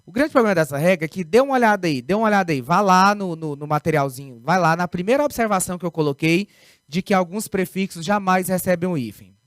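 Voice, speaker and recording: A man's voice: high voice, expressive, fast talker, dry recording, clean studio sound. A man with a Brazilian Portuguese accent teaching grammar in a recorded video lesson, emphatic, repeating key words and asking rhetorical questions.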